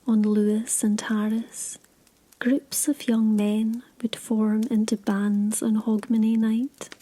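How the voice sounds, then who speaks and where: A woman reads a sleep story in a soft, breathy whisper. Her delivery is very even and slow, with a mellow, hushed tone made to soothe. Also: a little high, low-quality recording. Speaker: narrator.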